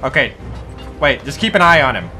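Male gaming host, bright lively voice, joking and profane, drops into pirate slang. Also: medium pitch, fairly quick, faint music behind. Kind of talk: casual gameplay chat.

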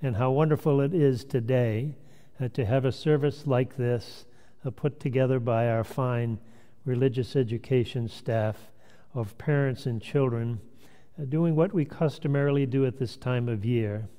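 A middle-aged male minister telling a family story in a gentle, measured sermon, recorded in a church sanctuary. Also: mid-range voice. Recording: long hall reverb, church sanctuary.

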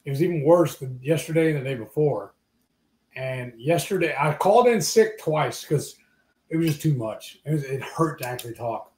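A livestream co-host, hoarse from illness, chats in an easygoing way over dinner during a casual live cooking stream in his home kitchen. His voice is fairly high and darkish, with lively intonation at a normal speed. A fixed camera mic at the table picks him up in the echoey kitchen.

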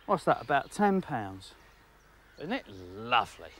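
A middle-aged man giving outdoor fishing commentary from a lakeside jetty, excitable, laughing often and talking to the fish. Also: medium pitch, measured pace. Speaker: angling presenter.

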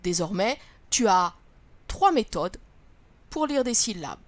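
A woman, a first-grade teacher, gives a reading lesson to young children, sounding out letters and syllables slowly and clearly. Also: mid-range voice, sing-song, dry recording.

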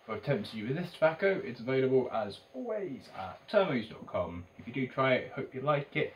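A man's voice: medium pitch, big pitch swings, brisk, muffled recording. A man in his thirties with an English accent, giving a chatty, casual product review to camera, hesitant and trailing off at phrase ends. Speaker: tobacco shop video reviewer. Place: indoors, in a shop corner by a banner. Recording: distant mic with faint background noise.

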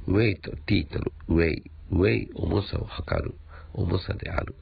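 A man's voice: low-pitched, very animated, moderate pace, vocal fry, slightly rough, no room sound, highs cut off. A man with a Japanese accent teaching an English vocabulary lesson, repeating words and spelling them out letter by letter.

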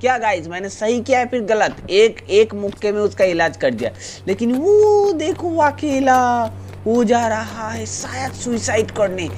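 A young Indian man doing live, playful commentary on a game he is playing, mock-scolding the characters in it and jumping between low grumbles and high yelps. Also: lively intonation, moderate pace, few pauses. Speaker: gaming streamer. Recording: noisy game stream with car sounds.

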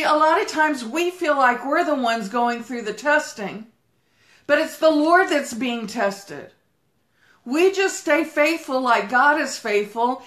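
A woman pastor giving a fervent livestreamed Bible teaching, talking fast as she walks and breaking into prayer. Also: high-pitched, a bit bright, roomy sound. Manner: talks fast while walking.

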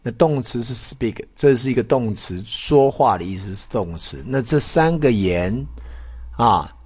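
Man, language teacher, children's lesson, slow, sing-song pitch, drawn-out syllables, English words mixed in. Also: expressive, a little mellow, husky. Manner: slow, drawn-out syllables when modelling pronunciation; switches between Mandarin and English words. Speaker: Chinese teacher.

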